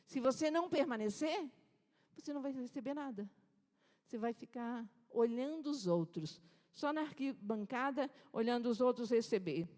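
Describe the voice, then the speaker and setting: A woman pastor preaching a sermon to her congregation, calling out to them and swinging between soft and loud emphasis. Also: a little high, expressive, normal speed, long reverb tail. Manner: preaching with rising and falling emphasis, addressing the congregation. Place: church.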